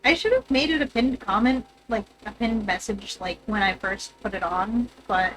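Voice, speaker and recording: A woman's voice: medium pitch, moderate pace, a bit bright, rough recording. A woman streamer chatting casually with viewers, her voice coming through with a robotic, metallic-sounding processing, bubbly and laughing often. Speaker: livestreamer.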